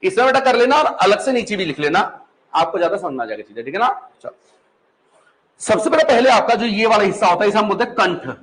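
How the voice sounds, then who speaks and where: Speaking fast and very animatedly in a high, somewhat bright voice, a man with a Pahari-influenced Hindi accent gives a classroom lecture. He's patient and chatty, repeating questions back to students and checking they keep up, over a rough recording with a little hiss or hum.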